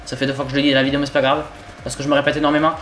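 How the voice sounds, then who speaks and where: A young man from southern France with a southern French accent, giving excitable, swearing gameplay commentary as he plays an online shooter. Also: medium pitch, racing. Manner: excitable, swears often, jokey asides. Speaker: gaming YouTuber. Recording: roomy home recording with game music.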